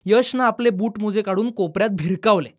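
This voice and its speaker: A woman narrating a children's storybook in a calm, expressive way. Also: medium pitch, fairly quick.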